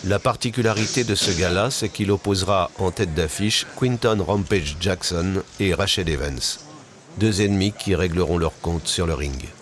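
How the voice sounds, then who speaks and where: A man with a low voice narrates a scripted documentary at normal speed. Music is clearly audible beneath his narration.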